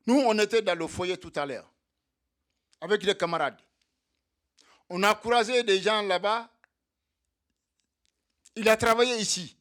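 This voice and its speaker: An activist with a high, fairly bright voice speaks for undocumented migrants at a solidarity evening in a meeting hall. His militant address to comrades relies on repetition to rally them.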